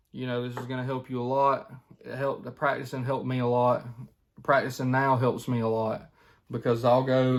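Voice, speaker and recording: A man chats through a lesson in a folksy, colloquial way. His pitch is middling and stays quite flat and even. He talks like a hobby instructor addressing viewers directly, often checking that they follow. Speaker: duck calling instructor, video host. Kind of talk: casual instructional chat.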